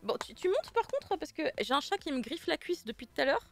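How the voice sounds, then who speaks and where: A woman's voice: sits high, sing-song, fairly quick. A woman hosting a casual online panel chat from home, talkative, laughing often and trailing off into fillers. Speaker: host. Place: at home with a cat nearby.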